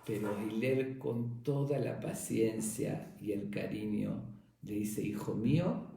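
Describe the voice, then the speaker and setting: Guy telling a teaching story, mellow dark voice, big echo. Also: lowish voice, steady tone, slow pace, vocal fry, distant mic. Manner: warm, conversational storytelling. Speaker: religious teacher. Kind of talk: storytelling lesson. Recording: very echoey room.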